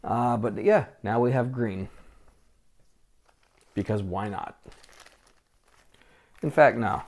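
A man in his forties hosts a vintage computer channel, casually talking through a hands-on restore at a desk in a small room. Wearing a lapel mic, he speaks slowly at a medium pitch, relaxed and chatty, with frequent "uh" fillers.

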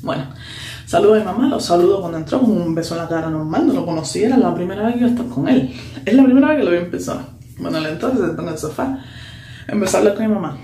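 Her voice low-ish and her delivery very fast, a young woman livens up a casual vlog with an animated personal story full of slang and English asides. There's echo in the room and a faint hum.

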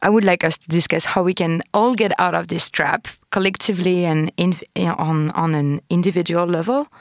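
A woman's voice: lowish voice, steady tone, moderate pace, no echo, clean studio sound. French-accented woman host, hesitant and searching. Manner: hesitant, restarts words, searching in a second language. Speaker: podcast host interviewer. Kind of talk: conversational interview.

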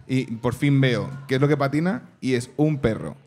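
A man co-hosting a live comedy show, calmly running a true-or-false game. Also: medium pitch, normal speed. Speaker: co-host.

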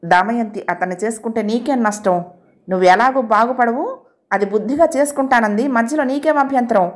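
A woman's voice: fairly high pitch, brisk, natural voice. A woman voicing a stern, angry middle-aged father in a spoken audio novel, harsh and commanding.

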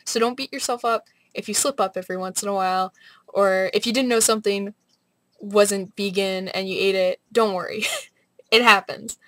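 A young adult woman rambling casually in a vlog, with an animated, sardonic manner. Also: medium pitch, moderate pace, dry recording. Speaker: vlogger. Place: small bright room at home, indoors.

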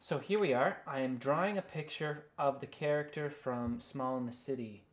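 A mid-pitched man talks at a moderate pace in a small indoor studio filled with books and records. An illustrator and picture book author, he casually shows his work and demonstrates drawing, musing to himself as he goes.

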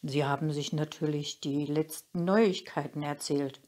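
A woman voicing a gruff, thoughtful old grandfather in a storybook reading, musing and grumbling as he talks. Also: sits low, steady tone, measured pace, a little mellow.

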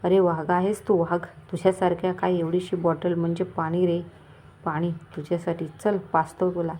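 A woman's voice: lowish voice, flat delivery, normal speed, dark tone, a little hiss or hum, lightly acted. Lady doing a sly village moneylender guy, sweet-talking and menacing, story narration. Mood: falsely friendly. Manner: coaxing, menacing, falsely kind. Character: scheming lecherous middle-aged village moneylender.

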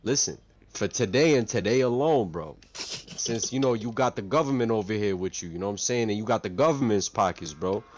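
A man's voice: lowish voice, lively intonation, fairly quick. Laid-back man playing a car dealer. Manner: laid-back salesman talk. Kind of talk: in-character roleplay.

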